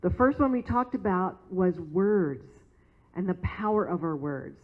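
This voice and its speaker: A woman's voice: fairly low pitch, lively intonation, a little slow. A woman minister preaching a sermon in a conversational, storytelling manner in a church. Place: church sanctuary. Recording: tinny phone-like sound.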